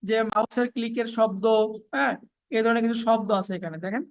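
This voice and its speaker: A woman giving a casual, step-by-step software tutorial, with frequent fillers and repeats. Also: on the high side, steady tone, a little fast, slight background noise. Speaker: video editing tutor. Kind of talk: screen-recorded software tutorial.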